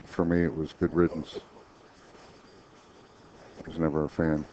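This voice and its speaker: A man's voice: very deep voice, flat delivery, unhurried, mellow. A man commentating a pool match in a chatty way, explaining shots with frequent restarts. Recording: dull lo-fi stream audio with faint noise.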